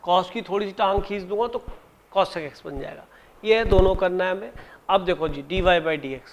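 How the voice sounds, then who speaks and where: A man teaching a maths lesson in Hindi, dictating formulas slowly and teasing inattentive students with joking asides. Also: high-pitched, slight background noise. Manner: slow, spelled-out dictation of formulas. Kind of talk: classroom lecture.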